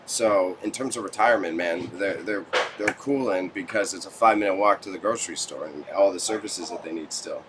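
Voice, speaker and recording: Low-voiced and brisk, this Canadian man barely pauses as he chats with livestream viewers, background noise audible around him. He's from Toronto, broadcasting from a small warehouse stacked with goods, and keeps the banter slangy and joking.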